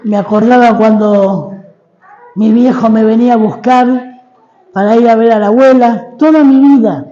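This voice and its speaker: A middle-aged Argentine man delivers a sermon as a personal testimony in a high, dark-toned voice. He speaks slowly and dramatically, pausing to have the congregation repeat after him. The sound is dull and lo-fi, with a long reverb from the church hall. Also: fairly even intonation. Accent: Argentine Spanish. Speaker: guest preacher.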